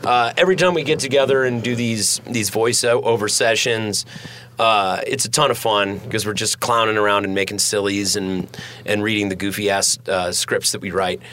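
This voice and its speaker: A man's voice: lowish voice, fairly even intonation, moderate pace, fairly bright tone. Male podcast host, loose rambling chat, swears freely, studio mic. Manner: rambling and profane, many fillers. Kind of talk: casual chat.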